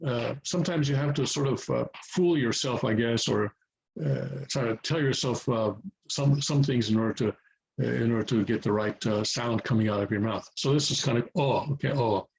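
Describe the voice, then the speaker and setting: In poor audio, a man with a creaky, steady, medium-pitched voice speaks at normal speed as he teaches beginners Korean writing. The informal lesson is improvised and patient, moving step by step as he hunts for words and repeats himself for emphasis.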